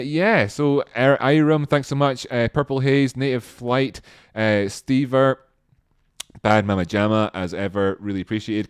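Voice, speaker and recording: A man's voice: on the low side, smooth, no room sound, studio quality. Rambling man thanking stream viewers. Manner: rambling, self-deprecating, warm thanks with frequent restarts. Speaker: live stream host. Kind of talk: casual live stream chat reading viewer names.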